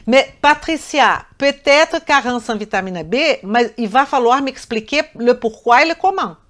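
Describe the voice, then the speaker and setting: A nutrition trainer with a foreign accent teaches a live online class, speaking emphatically, repeating words, correcting herself, and answering chat questions directly. Her voice is a little high, expressive, fairly bright, and a little slow.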